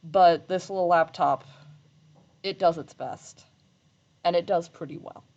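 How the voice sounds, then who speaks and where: A woman on a live sewing stream who rambles on and pokes fun at herself, her low voice slipping into slight fry. The stream audio sounds a little dull and lo-fi. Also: fairly even intonation, unhurried, darkish tone. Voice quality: slight vocal fry when talking low. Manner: rambling, self-deprecating, laughs often. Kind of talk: casual live-stream chat while sewing. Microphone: desk microphone.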